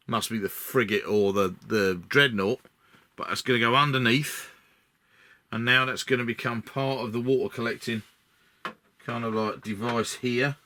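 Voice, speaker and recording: A man's voice: fairly low pitch, background noise. A man with an Essex accent talking casually through a model build, rambling as he thinks aloud. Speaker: hobby model-building video maker.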